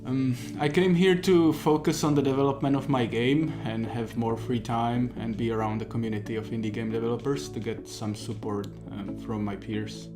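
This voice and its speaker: A man's voice: medium pitch, fairly even intonation, moderate pace, few pauses, over music. A man from the Czech Republic, a game developer, answering interview questions hesitantly with fillers.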